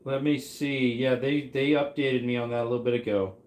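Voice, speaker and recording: Man, mid-30s, casual stream host, mid-pitched, rambling chatter, echoey room. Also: steady tone, fairly quick, a little mellow. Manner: rambling, reacts to chat as he goes. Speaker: livestream host running trivia. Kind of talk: casual livestream chat.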